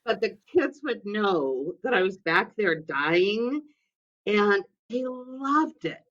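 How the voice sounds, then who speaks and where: A woman's voice: medium pitch, very animated, takes it slowly, a bit bright, lo-fi sound. A woman who is an instructional specialist, talking as a guest in a podcast interview, chatty and emphatic, telling stories.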